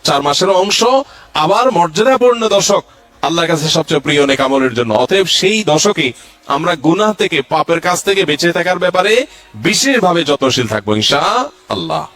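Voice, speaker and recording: A man's voice: a little high, big pitch swings, moderate pace, fairly bright tone. A male Islamic preacher giving a religious lecture, going through numbered points and reciting Arabic verses.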